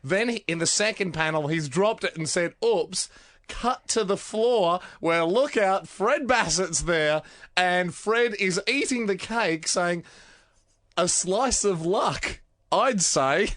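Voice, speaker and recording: A man's voice: high voice, measured pace, fairly bright tone, no echo, studio quality. A young man co-hosting a comedy radio show, reading a comic strip aloud in a playful, mock-dramatic way. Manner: mock-dramatic, playful storytelling with put-on quotes. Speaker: radio co-host.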